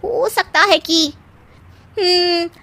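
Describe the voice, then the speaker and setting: A woman voicing a spiteful gossiping wedding guest in a cartoon story, scandalized and shrill. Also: extremely slow, creaky, bright, forceful tone, full character voice. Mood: shocked gossip.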